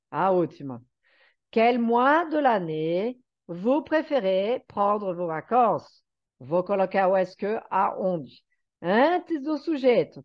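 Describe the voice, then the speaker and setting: A woman who is a teacher giving an online lesson, explaining patiently and often checking that her students follow. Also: mid-range voice. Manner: explanatory, checks understanding with frequent "tá?". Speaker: French teacher. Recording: slightly dull lo-fi sound.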